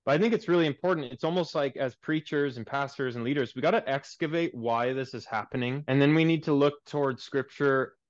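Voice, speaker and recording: A young man in his twenties talks earnestly about church life in a preacherly way. His voice comes through a muffled, lo-fi line with a dry, close sound and no room around it. He sits at a middling pitch for a man. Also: fairly quick, hardly any pauses, no echo. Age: 20s. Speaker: pastor and guest. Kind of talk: podcast interview.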